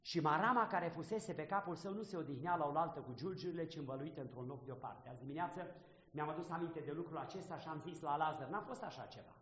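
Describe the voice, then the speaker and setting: A man preaching a sermon, reading scripture and reflecting on it aloud, often pausing to pose questions to his listeners. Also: on the high side, a bit bright, roomy sound, big-room sound, highs cut off.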